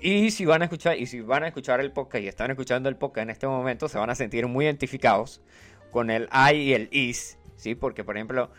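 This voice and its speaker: Animated man explaining slang, light music behind. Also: fast. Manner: animated, teacherly, quotes phrases in a higher voice. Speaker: radio co-host. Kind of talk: casual radio chat explaining slang.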